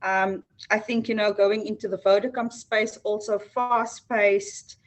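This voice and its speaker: A woman's voice: medium pitch, level tone, a little slow. A South African woman, an HR executive, answering interview questions earnestly with frequent ums and restarts. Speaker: HR executive, guest.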